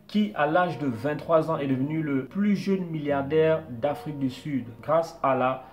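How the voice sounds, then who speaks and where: A man's voice: a little high, a little slow, a little hiss or hum. A man coaching viewers on starting a business, explaining step by step and repeating his points. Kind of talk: motivational talk to camera.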